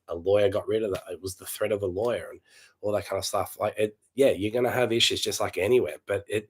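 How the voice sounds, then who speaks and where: A man in his late thirties, going hoarse as he chats casually to camera, rambling and repeating himself. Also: fairly low pitch. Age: late 30s. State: losing his voice. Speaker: property vlogger.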